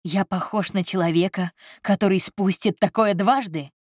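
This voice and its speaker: A woman's voice: mid-range voice, normal speed, no room sound, clean studio sound, lightly acted. Woman doing an agitated, feverish man. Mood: distraught. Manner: complaining, shouting, dramatic. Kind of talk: audiobook character voice.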